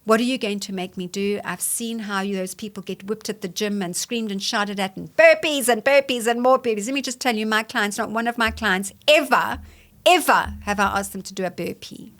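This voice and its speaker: A woman from Zimbabwe speaks as a guest on a podcast, telling her story about fitness and coaching. Her voice sits in a middle range. She talks in an animated way and lines up short, repeated phrases when she builds a point. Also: medium pitch, brisk. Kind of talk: conversational interview.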